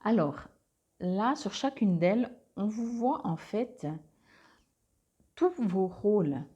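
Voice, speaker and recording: A woman's voice: medium pitch, expressive, takes it slowly, mellow, breathy edge. A woman doing a casual monthly card reading on a clip-on mic, hesitant, with many fillers and restarts. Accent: Swiss French. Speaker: tarot card reader.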